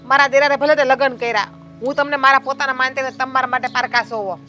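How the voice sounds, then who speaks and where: A woman's voice: high voice, steady tone, quick pace, sharp tone, soft background music. Woman playing a scolding village sister-in-law. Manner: scolding, blunt and quarrelsome. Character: strict sharp-tongued village woman, elder sister-in-law. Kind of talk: family drama acting.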